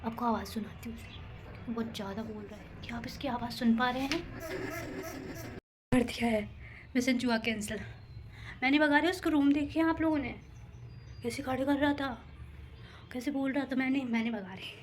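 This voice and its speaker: A young woman vlogger with a slightly high voice talks straight to camera in a nervous, rambling way, poking fun at herself as she goes. Faint noise sits under the recording. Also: steady tone, brisk, long pauses. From India. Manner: nervous, rambling, self-mocking chatter. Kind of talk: casual vlog talk to camera. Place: rooftop and home room, indoors and out.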